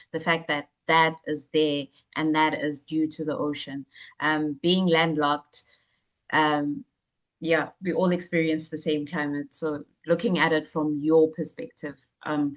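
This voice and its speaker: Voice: medium pitch, poor audio. A panelist giving brief, hesitant remarks on a video call. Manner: hesitant, flat delivery. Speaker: expert panelist.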